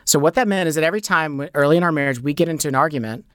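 A middle-aged man speaks as a guest on a radio show. His voice is smooth and resonant, heard dry and close in the studio. He talks in an animated, conversational way, with plenty of "like" and "you know.". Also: on the high side, racing, no room sound.

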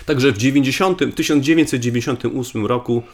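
Man explaining in halting, repetitive phrases. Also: medium pitch. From Poland. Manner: hesitant, repeats words and restarts often. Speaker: guest psychology researcher. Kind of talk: conversational explanation, interview.

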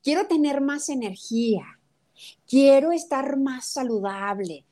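Animated middle-aged Mexican woman, higher voice. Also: a little slow. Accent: Mexican Spanish. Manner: animated storytelling, acts out quotes of her daughter. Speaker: guest nutrition speaker. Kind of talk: conversational talk interview.

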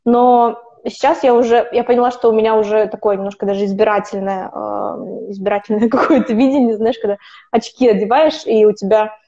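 The speaker, a woman in her twenties, has a medium-pitched, warm voice with a flat delivery and a slightly fast pace. She's an opera student and podcast guest, rambling casually in a conversational interview, often restarting and correcting herself. The lo-fi recording is dull.

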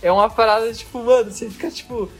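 A man's voice: very high voice, fairly even intonation, quick pace, fairly bright tone, faint music behind. Laid-back Brazilian guy telling a story. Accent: Brazilian Portuguese. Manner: loose slangy storytelling, full of fillers. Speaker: podcast guest telling a travel story. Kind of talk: casual chat.

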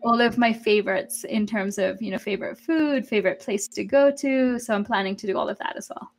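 A woman's voice: medium pitch, fairly quick, rough recording. A young woman from Kenya, a guest on a podcast, talking in a friendly, loose way with easy laughs. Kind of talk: casual interview.

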